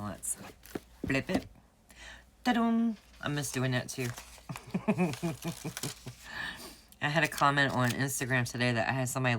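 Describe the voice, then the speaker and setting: A woman's voice: very deep voice, fairly bright tone, slight background noise. Chatty woman. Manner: chatty, storytelling, laughs often. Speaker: planner vlogger. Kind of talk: casual chat while crafting.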